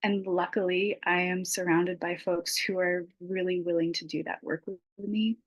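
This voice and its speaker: A woman farmer talks reflectively, pausing often with fillers. Her voice sits a little low and sounds dry and close over a video call. It is a personal share in an online circle. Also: little pitch movement, dry recording, dull audio. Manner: reflective, halting, with many fillers.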